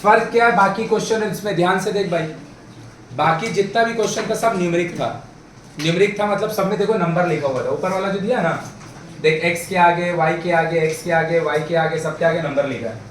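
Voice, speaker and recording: A high-pitched man speaking a little fast tutors math students in Hindi and English, coaxing them with questions and using babu and bhai. The classroom echoes, the mic sits far off and faint background noise lingers.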